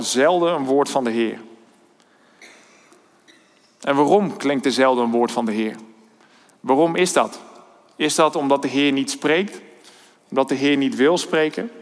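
A man preaching a sermon, thoughtful and hesitant, often pausing on fillers and restarting his sentences. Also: mid-range voice. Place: church hall. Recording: long church-hall reverb.

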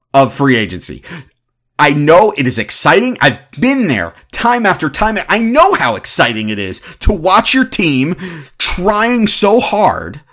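A man in his thirties giving opinionated sports commentary as a podcast host, ranting in an animated, exasperated way. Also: high-pitched. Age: 30s.

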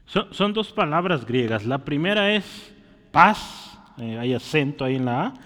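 A man's voice: fairly high pitch, expressive, normal speed, a bit bright. A man preaching a sermon, teaching and often asking his listeners short questions. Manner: teaching, asks the congregation questions. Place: church. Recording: long church reverb.

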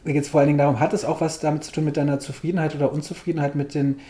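A man hosting an interview, asking questions in a halting way and searching for words. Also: fairly high pitch, level tone, mellow, roomy sound. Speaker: podcast host, interviewer. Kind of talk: casual interview.

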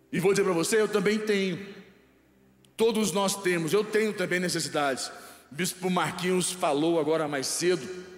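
A Brazilian man preaches in a high voice, quizzing his congregation and leaving gaps for them to fill in. His voice rings through a large church hall with a long echo. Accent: Brazilian Portuguese. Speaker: pastor. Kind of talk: live sermon.

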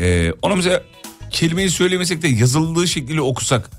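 A man's voice: fairly high pitch, big pitch swings, quick pace, faint music behind. A man hosting a morning radio show, bantering in a playful, joking way with his co-host.

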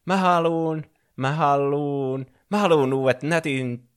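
Guy doing a lazy teasing bandicoot kid, mocks in a sing-song pitched-up voice. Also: clean tone, natural voice. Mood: mocking. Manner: teasing, mocking.

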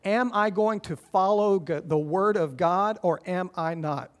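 A man preaching a sermon as pastor, earnest and encouraging, swinging between loud urging and quiet, hushed lines. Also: high voice, unhurried. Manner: earnest, encouraging, rises and drops in volume.

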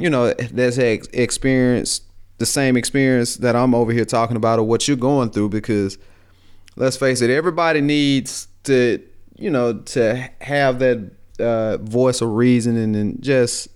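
A man's voice: mid-range voice, smooth. A young man with a rural Alabama Southern accent, hosting a casual solo podcast in a rambling, folksy way. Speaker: podcast host.

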